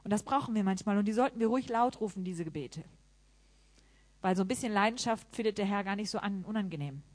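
A woman preaching a sermon in German with personal testimony, building to loud, impassioned exclamations. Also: mid-range voice, expressive, fast talker.

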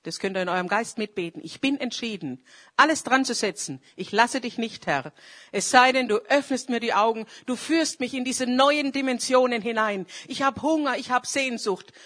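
A woman's voice: fairly high pitch, moderate pace. A woman preacher, giving a fervent charismatic sermon and praying aloud. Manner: fervent, swings between loud calls and quiet confession; prays aloud mid-sermon.

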